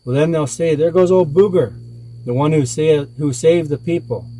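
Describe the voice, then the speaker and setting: A sly male coyote from a spoken folk tale, put on by a man. He taunts with cocky sarcasm in a raised, louder voice. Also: fairly high pitch, lively intonation, moderate pace, pitched above the performer's own voice, poor audio. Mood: sarcastic shouting. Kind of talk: oral folk tale character voice.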